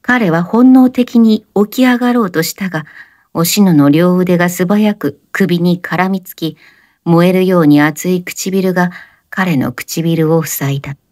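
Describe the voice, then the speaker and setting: Mellow-voiced woman reading a story. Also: lowish voice, no echo, studio quality. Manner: measured, composed, expressive. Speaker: narrator. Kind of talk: audiobook reading of a literary story.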